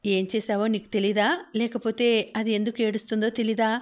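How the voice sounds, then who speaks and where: An earnest, protective young man from an audiobook novel, read in a woman's own voice. He speaks gently and pleadingly, with very little rise and fall in pitch. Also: level tone, fairly quick, natural voice. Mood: firm.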